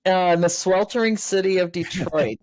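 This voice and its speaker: A woman's voice: lowish voice, a little mellow, a little hiss or hum. A woman who is a guest on a gardening chat show, talking in an easy, laughing manner. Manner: slow, laughing, unhurried. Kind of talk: casual chat.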